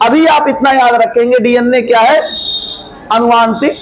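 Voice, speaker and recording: A man's voice: very high-pitched, fairly even intonation, a little hiss or hum, rough recording. A male biology teacher, lecturing a class and answering his own questions with folksy asides. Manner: asks and answers his own questions, drawls key words slowly.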